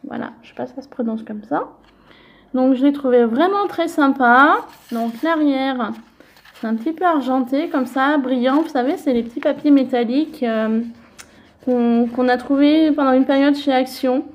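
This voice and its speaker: A woman vlogger chatting casually as she shows off crafting mail she received. She talks gently and often fills with little connecting words. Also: sits high, unhurried, muffled recording.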